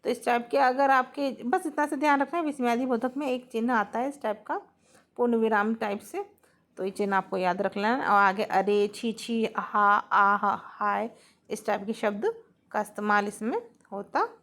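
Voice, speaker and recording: Higher-voiced woman teaching Hindi grammar. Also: moderate pace, a bit bright. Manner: explains patiently, often checks in with students. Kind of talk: blackboard grammar lesson.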